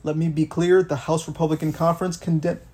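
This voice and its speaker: Dark-voiced young man ranting casually. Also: a little high, little pitch movement, fast talker, breathy edge. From Miami, Florida. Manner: profane, ranting, thinks aloud with restarts. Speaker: podcast co-host. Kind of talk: casual political chat.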